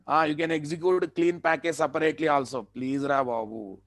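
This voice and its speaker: A man's voice: fairly high pitch, fairly even intonation, a little fast, no echo. A man with an Indian accent teaching a live technical class, repeating phrases and posing questions that he answers himself. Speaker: software training instructor.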